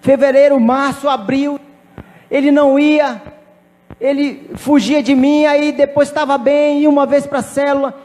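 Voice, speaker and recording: High-voiced man preaching, reverberant hall. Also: flat delivery, measured pace, darkish tone. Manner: storytelling, emphatic repetition. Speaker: pastor. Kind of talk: sermon with personal testimony. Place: church.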